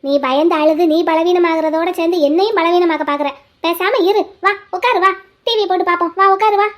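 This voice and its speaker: Fearless young heroine in a cartoon, very high voice, firm and upbeat. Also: female voice, brisk. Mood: reassuring. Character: bold young village woman, defiant and cheerful. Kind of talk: cartoon voice acting.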